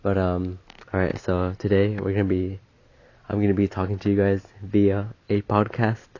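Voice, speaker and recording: A man's voice: deep voice, completely flat delivery, moderate pace, dark tone. A young man with a cold, hosting a casual solo podcast, rambling and correcting himself as he goes. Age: young adult. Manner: rambling, self-correcting, chatty. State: sick, stuffy nose. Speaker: podcast host, college student. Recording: muffled lo-fi sound.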